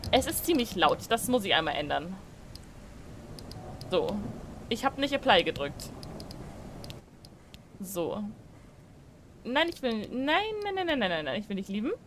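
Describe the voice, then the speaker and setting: A woman's voice: mid-range voice, sing-song, a little slow, pauses often, a bit bright, a little hiss or hum. A woman giving joking, chatty commentary while playing a horror game, talking to viewers at a desk microphone. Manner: chatty, joking, shrieks when startled. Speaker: gaming streamer. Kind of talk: let's play commentary.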